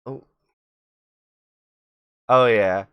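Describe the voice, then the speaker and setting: A man's voice: medium pitch, extremely slow, lo-fi sound, slight background noise. A man hosting a live-streamed talk show, rambling and self-mocking, swearing freely as he chats. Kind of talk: casual live-stream chat.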